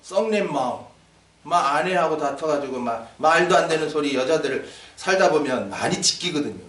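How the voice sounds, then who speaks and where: A man's voice: a little high, normal speed. An older man preaching a sermon as pastor, asking the congregation questions and joking with them. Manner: lively, asks the congregation questions, jokes. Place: church sanctuary. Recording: echoey church hall, mic at a distance.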